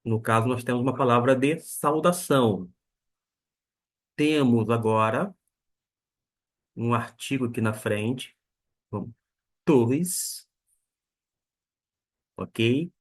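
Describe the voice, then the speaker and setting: Slow, husky Greek teacher. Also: male voice, mid-range voice. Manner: slow and deliberate, spelling out pronunciations. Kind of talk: beginner language lesson.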